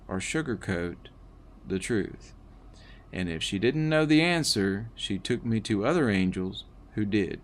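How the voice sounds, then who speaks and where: A man narrates a first-person book in a slightly low voice. He reads very slowly and deliberately, with the occasional slip and restart. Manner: slow, measured reading with small slips and restarts. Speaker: audiobook reader.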